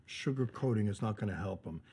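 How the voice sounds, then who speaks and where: An actor playing a blunt, no-nonsense older husband in a sitcom. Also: male voice, on the low side, expressive, brisk, warm tone, husky, full character voice. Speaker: blunt family patriarch giving business advice. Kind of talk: sitcom acting.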